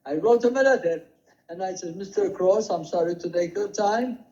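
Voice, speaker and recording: An older man recounting his working life in a rambling, halting way, with many restarts and quoted dialogue. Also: high-pitched, dark tone. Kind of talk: rambling personal storytelling. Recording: dull lo-fi home recording.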